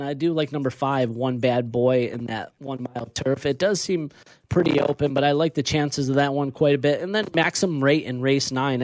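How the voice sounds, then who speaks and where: A man's voice: mid-range voice, a little mellow, dry recording. A man giving horse racing picks on a talk show, eager and a bit hesitant. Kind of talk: casual radio talk show chat.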